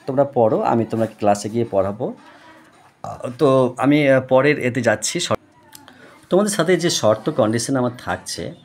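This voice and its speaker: A man tutoring children in reading, spelling out syllables slowly and then giving quick advice about study habits. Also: lowish voice.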